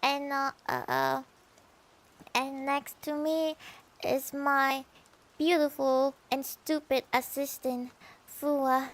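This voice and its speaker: A woman's voice: high-pitched, level tone, takes it slowly. A woman VTuber chatting casually on her stream, rambling and giggly, trailing off into fillers. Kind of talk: casual livestream chat.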